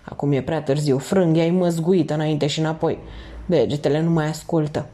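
A woman doing a calm veteran burglar. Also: natural voice. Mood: grim. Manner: terse, low and steady. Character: calm seasoned male burglar, terse and steady.

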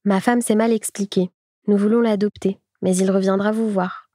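A woman voicing a calm, wealthy gentleman who speaks in a measured, businesslike way. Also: mid-range voice, no echo, studio quality, lightly acted. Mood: persuasive.

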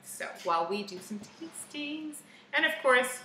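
A woman's voice: high-pitched, animated, a little slow, sharp tone, echoey room, a little hiss or hum, rough recording. A bubbly, giggly woman co-hosting a casual whiskey tasting chat in a bar's party room. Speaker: co-host.

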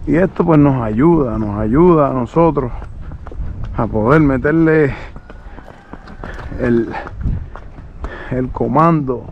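A male horse trainer outdoors on a road, explaining his method while calmly coaxing a young horse with short soothing commands. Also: mid-range voice, slow pace, pauses often, narrow, tinny audio, a little hiss or hum.

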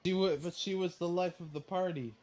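A young man joking around and shouting callouts in casual voice chat while gaming with friends. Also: high voice, steady tone, fairly quick, a little hiss or hum. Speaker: gamer recording a session with friends. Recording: game music clearly behind voice.

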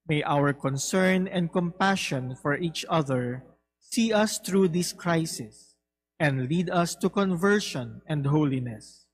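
A man leading a formal recited prayer in a solemn, deliberate manner. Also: a little high, animated. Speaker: prayer leader. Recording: clear background hum and noise.

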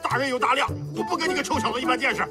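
High-pitched, blustering old martial-arts master. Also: male voice, racing. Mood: indignant. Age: older. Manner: exclaiming, stammering, theatrical. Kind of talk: costume drama dialogue. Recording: music behind the voice.

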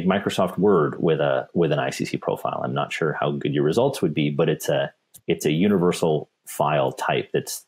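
In this webinar Q&A, a technical specialist from a paper company responds to questions from viewers. He has a very deep, husky voice and a relaxed manner, with frequent repeats and restarts.

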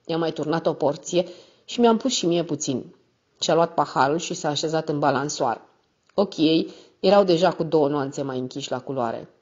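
A woman reading a novel aloud as a steady, measured first-person narrator. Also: low-pitched. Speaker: audiobook narrator. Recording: slightly muffled recording.

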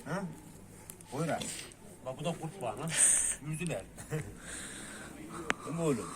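A man's voice: on the high side, expressive, moderate pace, very noisy. A man filming street dogs, coaxing and praising them in casual, slangy speech while talking to his viewers. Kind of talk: casual running commentary to camera. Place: outdoors on a street.

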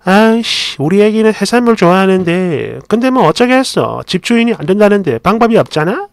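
A man's voice: high voice, big pitch swings, brisk, no echo. A man voicing a rude, mocking young mother who talks bluntly and scornfully, in a first-person story read aloud.

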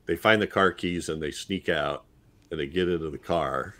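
A man on a film review panel, telling a scene in an animated, exasperated way. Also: low voice, normal speed. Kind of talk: casual podcast film discussion.

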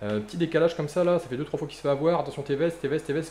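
A young man talks fast and excitably over his football game, joking and cheering his players on. His voice rings in an echoey room. A faint background hiss sits under it. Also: on the high side. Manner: jokey, excitable, chatty, with playful silly noises. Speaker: gaming YouTuber. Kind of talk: live gameplay commentary.

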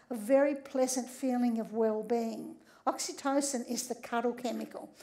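On a large theatre stage, an older Australian woman delivers a lively public lecture, checking in with the audience often. Her high voice is slightly croaky, and she keeps things conversational, frequently ending lines with "right?"

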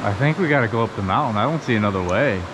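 A man's voice: fairly low pitch, lively intonation, noisy background. A man exploring a cave in casual vlog chatter, awed and laid-back, often exclaiming. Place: large wet cave with a stream. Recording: echoey cave with loud rushing water.

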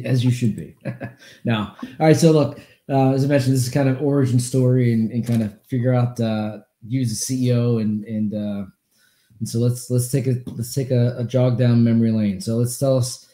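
A male host in his forties runs a casual video-call interview from a home office. His voice is very dark and warm, with a roomy echo around it. He rambles and restarts phrases as he asks questions. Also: mid-range voice. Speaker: podcast host. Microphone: video call webcam. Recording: echoey room over video call.

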